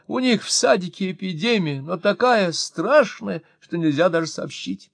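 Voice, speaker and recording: A fretful, shrill middle-aged wife who scolds and complains, pitched high above an ordinary voice, as a male narrator puts her on. Her tone swings widely as she nags. The recording is close and dry. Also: lively intonation, moderate pace, creaky, no room sound. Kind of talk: audiobook reading.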